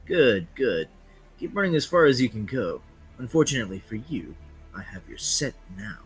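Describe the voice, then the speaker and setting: A man doing a gravelly, gloating undying villain. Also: medium pitch, big pitch swings, moderate pace, soft background music. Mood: menacing. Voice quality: gravelly put-on voice. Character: arrogant undying male spear-wielding villain. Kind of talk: fan voice reading of a game story.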